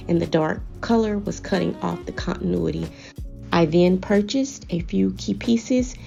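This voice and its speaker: A woman narrates a home makeover as a scripted voice-over, with measured, deliberate phrasing. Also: fairly low pitch, vocal fry, mellow, lo-fi sound. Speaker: home decor vlogger presenting a makeover. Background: background music.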